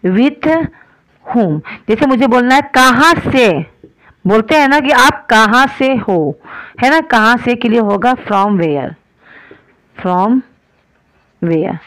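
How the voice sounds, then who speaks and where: Indian woman, grammar teacher online, a bit high-pitched, patient and repetitive, slows down for examples. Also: lively intonation, a bit bright, poor audio. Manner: explains in Hindi, often asks if it is clear; slows right down to spell out example sentences.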